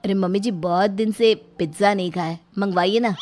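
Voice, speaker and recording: A woman's voice: mid-range voice, steady tone, fairly quick, darkish tone, a little hiss or hum, lightly acted. A woman voicing a cheeky, food-loving young son-in-law who whines and wheedles in a comic story. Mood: whining. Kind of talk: acted comedy story dialogue.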